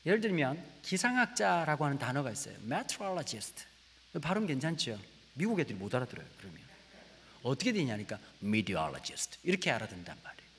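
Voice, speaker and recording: A man with a Gyeongsang accent preaches a testimony, his voice rising into loud, high bursts and then dropping to hushed asides. His tone is a little husky and sits somewhat high for a man. The church sanctuary gives a long, hanging reverb. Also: rapid-fire, slight background noise. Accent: Gyeongsang Korean. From Gyeongsang region, Korea. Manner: animated storytelling, swings between loud exclamations and hushed asides. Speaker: guest preacher. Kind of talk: sermon with personal testimony.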